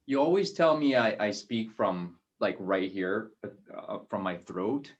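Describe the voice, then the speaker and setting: Hesitant low-voiced man host. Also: lively intonation, a little slow, lo-fi sound. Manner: hesitant, with fillers. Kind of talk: casual interview chat.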